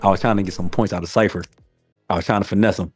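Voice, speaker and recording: Animated man, slangy storyteller. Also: deep voice, racing, soft background music. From West Philadelphia. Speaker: podcast co-host. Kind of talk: casual wrestling podcast chat.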